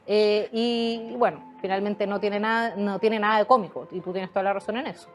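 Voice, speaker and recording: A woman's voice: mid-range voice, fairly even intonation, moderate pace, soft background music. A woman answering interview questions as a guest author, hesitating often with fillers and restarts.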